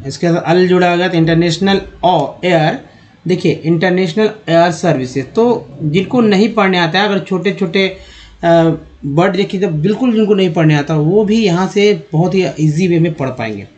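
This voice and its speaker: Man, fairly high voice, slow syllable-by-syllable word drills, patient teacher. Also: a little mellow, lo-fi sound. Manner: slow, syllable-by-syllable sounding out of words. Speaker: English teacher. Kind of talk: spelling and pronunciation lesson.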